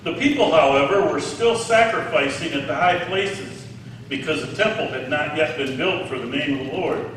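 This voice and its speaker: The speaker is a pastor in his sixties whose voice is a little high and fairly bright, moving at normal speed as he preaches. He keeps the sermon conversational and questions his listeners, while the large hall echoes and a distant mic adds slight background noise.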